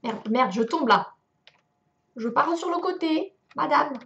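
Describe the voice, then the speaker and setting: A young woman talks over her gameplay in a high, bright register. She curses freely and laughs at her own failures, exasperated but joking. The recording sounds dull and lo-fi. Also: lively intonation, slow, gravelly. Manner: swears often, exasperated and self-mocking. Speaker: gaming youtuber. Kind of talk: let's play commentary.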